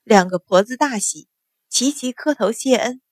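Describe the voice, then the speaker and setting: A woman narrating a novel in a steady storytelling voice. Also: a little high, normal speed, no room sound, studio quality. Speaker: audiobook narrator.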